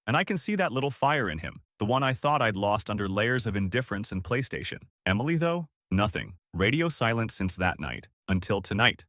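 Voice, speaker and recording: A man's voice: on the low side, fairly bright tone, no echo, studio quality. A middle-aged man narrating a scripted story in a sardonic, wry way.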